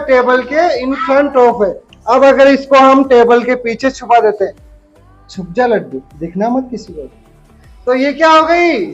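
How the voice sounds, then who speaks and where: A woman's voice: high-pitched, lo-fi sound. A woman teaching a grammar lesson to young children, drawing out words and asking the class questions. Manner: slow, drawn-out teacherly calls and questions to the class.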